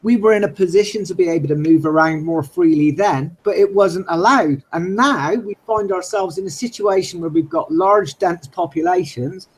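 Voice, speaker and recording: A man's voice: high-pitched, normal speed, few pauses, slightly rough, rough recording. A man from the UK co-hosting a casual podcast discussion, thoughtful and hedging with fillers. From United Kingdom. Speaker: podcast co-host.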